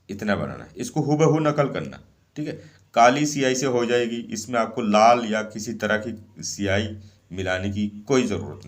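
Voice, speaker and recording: A man with a lowish voice walks through ritual instructions one step at a time, speaking casually, repeating every point and often checking in with "okay".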